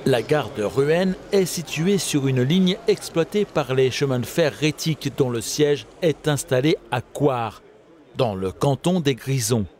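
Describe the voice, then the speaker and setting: A man giving steady, scripted documentary narration. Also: mid-range voice. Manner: steady, informative.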